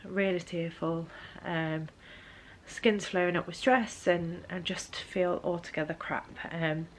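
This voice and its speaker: A woman's voice: on the low side, fairly even intonation, takes it slowly, a little hiss or hum. A young adult woman, giving a casual book vlog update, tired, hesitant and full of ums. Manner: hesitant, lots of ums, soft and weary. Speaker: book vlogger.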